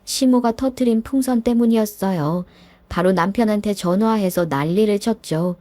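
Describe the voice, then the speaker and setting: A woman's voice: mid-range voice, moderate pace, warm tone, no room sound. A woman in her thirties narrating her own story in the first person, confiding and exasperated.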